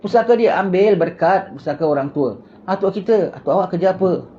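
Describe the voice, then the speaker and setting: Religious teacher, man from Singapore, mellow voice, slightly high, reads slowly then riffs with rhetorical questions; dull lo-fi tape with faint hiss. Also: lively intonation. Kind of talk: religious lecture, reading a book aloud and explaining it.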